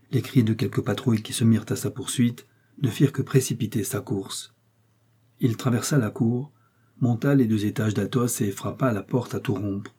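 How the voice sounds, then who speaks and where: A male narrator reads a classic novel in a measured, steady way. His voice sits low and dark, with a husky edge. The pacing is even and deliberate. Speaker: audiobook narrator.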